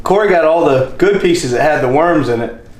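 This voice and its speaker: A man's voice: fairly high pitch, animated, moderate pace, a little hiss or hum. A young man hosting a fishing channel, chatting upbeat as he tastes food and laughs. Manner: upbeat, laughing, drawling y'all. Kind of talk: casual cooking and tasting chat. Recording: echoey room.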